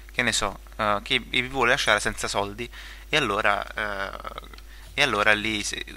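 A man's voice: lowish voice, sharp tone, a little hiss or hum. A young man giving casual gameplay commentary, rambling with many fillers, restarts and joking asides. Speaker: gaming video creator.

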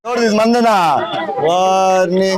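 A man's voice: high-pitched, fairly even intonation, slow pace, over a noisy crowd. A man, going door to door in a village and urging people in a familiar, coaxing way to vote. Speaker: campaigning politician. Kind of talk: door-to-door canvassing chat. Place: outdoors in a village street.

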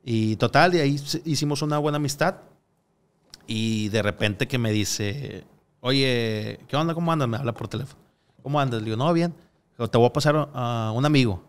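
Smooth-voiced man telling stories. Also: mid-range voice, normal speed. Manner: rambling storyteller, frequent hesitations and acted-out quotes. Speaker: podcast guest. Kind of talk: casual podcast conversation.

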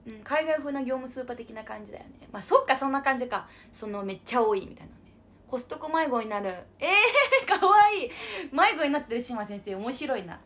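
This livestream idol has a high, slightly bright voice. She's a young woman running a relaxed stream, reading out viewer comments in a bubbly, chatty way and referring to herself with an odd, cute pronoun.

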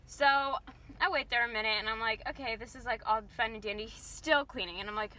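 A woman's voice: on the high side, quick pace, sharp tone, poor audio. A young woman vlogging from inside her car at night, telling rambling stories in a chatty way full of fillers and asides. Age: young adult. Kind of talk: casual storytelling vlog. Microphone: phone camera mounted near the steering wheel. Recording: road and street noise behind the voice.

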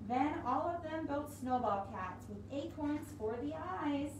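A woman with a high-pitched, expressive voice leads a preschool storytime at an unhurried pace, reading aloud and giving simple, encouraging instructions to small children through a cloth mask. She is indoors in a library room with wooden walls and windows. A camera a few feet away captures roomy, distant sound with strong noise.

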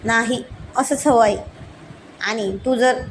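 A woman's voice: on the high side, slow pace, slight background noise, poor audio. A woman voicing a teasing young lover. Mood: teasing, coaxing. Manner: coaxing, teasing. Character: playful, teasing young man in love.

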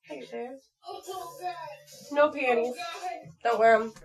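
An American woman in her twenties, a channel performer, reads viewer comments and chats casually with them in a playful, frank, slightly crude way from a small home room at her computer desk. Her voice is on the high side, steady in tone, slow and creaky, with crowd noise behind it. It's casual vlog chat.

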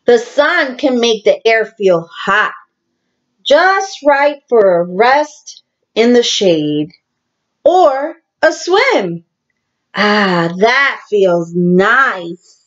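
Reading a picture book to young kids, a woman teacher uses a fairly high voice and a deliberate, animated storytelling style, speaking to her listeners in asides. The recording's high frequencies are cut off.

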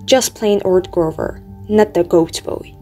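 A woman reading an audiobook aloud in a steady, measured storytelling manner. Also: fairly low pitch. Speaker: audiobook reader. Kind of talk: audiobook narration. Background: faint music.

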